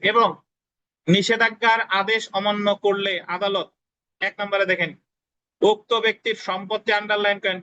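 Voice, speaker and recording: A man's voice: sits high, sharp tone, lo-fi sound. A man giving a classroom law lecture, repeating key points, asking students whether they understand, and dictating spellings letter by letter. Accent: Bangladeshi Bengali. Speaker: law tutor.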